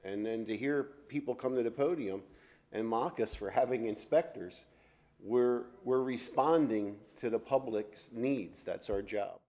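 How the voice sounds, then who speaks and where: A man's voice: medium pitch, measured pace, dark tone. A man on a city council responding to public comments in a plainspoken, defensive way.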